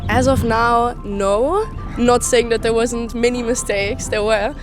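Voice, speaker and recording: An easygoing young Austrian woman in her 20s, a traveller being interviewed on the street, answers in a slightly high, unhurried voice. She sounds relaxed and peppers her speech with "like" and "you know." Clear music plays in the background.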